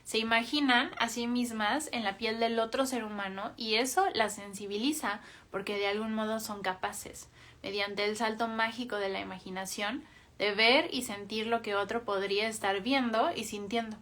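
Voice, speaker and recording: Calm woman reading a book aloud. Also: on the high side. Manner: calm, measured reading with small self-corrections. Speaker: book club reader.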